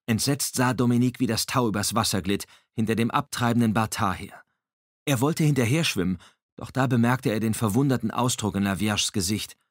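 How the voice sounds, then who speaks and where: Low-voiced male audiobook narrator. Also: dry recording, studio quality. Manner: measured, dramatic storytelling.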